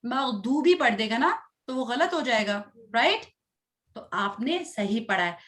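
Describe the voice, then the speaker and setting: Leading a children's tajweed lesson, this female Quran recitation teacher, whose voice is a little high for a woman, slowly elongates every Arabic syllable for the class to echo. She is expressive and slightly bright in tone, posing short questions and offering patient encouragement between recitations.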